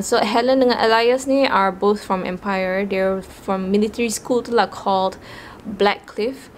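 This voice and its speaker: A woman's voice: mid-range voice, slight background noise. A young woman with a Malaysian English accent, chatting casually about books and slipping Malay words into her English. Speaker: book vlogger. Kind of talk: casual chat.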